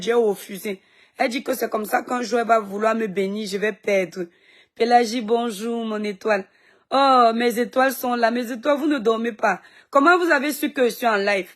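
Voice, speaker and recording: A woman's voice: on the high side, fairly quick. A woman from Cameroon chatting on a phone live stream, greeting viewers by name and talking back at critics, with a sore throat.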